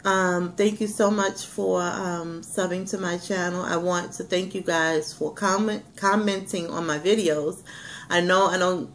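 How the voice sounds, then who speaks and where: A woman in her thirties speaks with a slightly low pitch. She talks casually as the host of a home vlog, recorded on a webcam mic in a small room with faint background noise. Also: fairly even intonation, a little slow, a bit bright. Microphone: webcam microphone at arm's length.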